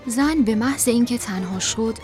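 A woman's voice: on the high side, music in the background. A woman narrating a storybook expressively, at times dropping to a whisper.

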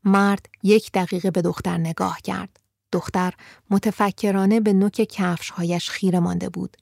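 Brief: woman storyteller, calm and measured, gravelly texture, dry close sound. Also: medium pitch, no room sound. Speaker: narrator. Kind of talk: scripted story narration.

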